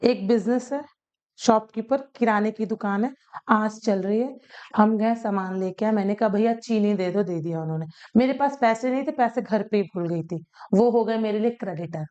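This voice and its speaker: A woman's voice: medium pitch, normal speed, warm tone, smooth, lo-fi sound. A woman teacher explaining accounting terms in a casual lesson, repeating key points and acting out shopkeeper examples, mixing in English terms. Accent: Hindi-English mix.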